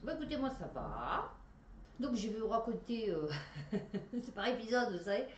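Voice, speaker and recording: A woman's voice: fairly high pitch, sing-song, normal speed, highs cut off. A woman telling a personal story in a chatty, rambling way, with many fillers. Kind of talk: casual storytelling. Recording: roomy echo, faint background noise.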